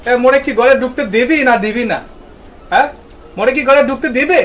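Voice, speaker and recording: A man's voice: very high-pitched, moderate pace, fairly bright tone, slight background noise. A man with a Barishal accent playing a boastful husband in a comedy skit, blustering and pleading by turns. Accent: Barishal Bengali. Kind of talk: comedy short film acting.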